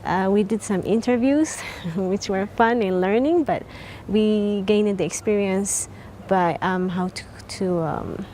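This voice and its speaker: A woman from Eritrea, a scientist, explaining what she learned in a workshop, thoughtfully and with pauses. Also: medium pitch, warm tone, slight background noise. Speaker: scientist in training. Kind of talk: interview testimonial.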